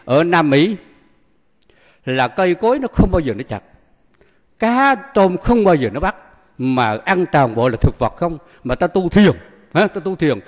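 A Buddhist monk gives a sermon, his voice sitting fairly high for a man. He keeps stopping on a rising question so his listeners can finish the line. A long reverb trails after each phrase. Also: very animated, a little slow, pauses often, lo-fi sound. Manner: leaves sentences open for listeners to finish. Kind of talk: sermon with call-and-response questions.

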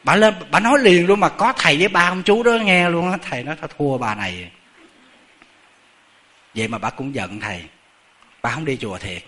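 Speaking quickly in a slightly high voice, a middle-aged Buddhist monk with a Southern Vietnamese accent delivers a lively, conversational sermon. He tells a story and often addresses his listeners directly.

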